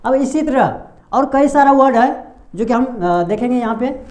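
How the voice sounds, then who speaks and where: A young man gives an English pronunciation lesson in Hindi at a board, asking questions and then answering them himself and repeating key sounds. He sounds animated and talks a little slowly, with an extremely high pitch and a darkish tone.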